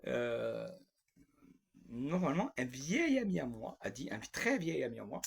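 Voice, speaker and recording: A man's voice: mid-range voice, sing-song, unhurried, creaky, slightly rough. A man delivering a rambling, grumpy and sarcastic comic monologue, repeating himself often.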